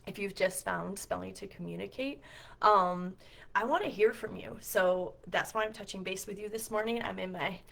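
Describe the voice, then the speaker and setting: A middle-aged woman who founded and co-leads a homeschool community talks casually and earnestly straight to camera in a vlog, often asking her viewers questions. Her voice is mid-range, scratchy and creaky, a bit bright, at a normal speed.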